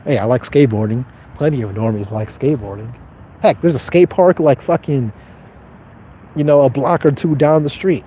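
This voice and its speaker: Mellow-voiced young man, blunt and offhand. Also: mid-range voice, moderate pace, a little hiss or hum. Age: 20s. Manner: blunt, profane, detached and offhand. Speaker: livestreamer reading chat. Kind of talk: casual livestream chat.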